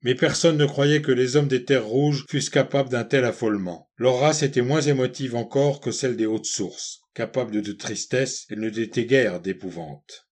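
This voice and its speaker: A man narrating a novel aloud in a measured, literary reading style. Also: medium pitch. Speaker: audiobook narrator.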